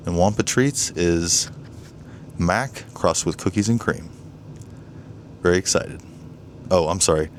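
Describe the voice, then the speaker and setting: A man with a very low, deep voice talks eagerly through a casual vlog, often addressing viewers as "ladies and gentlemen." He records indoors beside his grow tents, with a faint hiss behind him. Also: unhurried, pauses often. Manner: enthusiastic, keeps saying "ladies and gentlemen". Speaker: home grower vlogger. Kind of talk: casual show-and-tell vlog.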